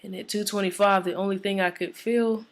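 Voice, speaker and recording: A woman's voice: mid-range voice, steady tone, brisk. A woman reciting her own spoken word poem in a conversational, emotional rhythm.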